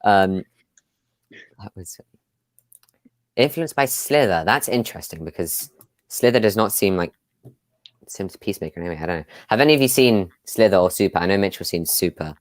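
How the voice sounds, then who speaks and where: Low-voiced man hosting a casual live chat. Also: animated, moderate pace, long pauses, dry recording. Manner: chatty, many fillers, laughs often. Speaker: host. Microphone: video call.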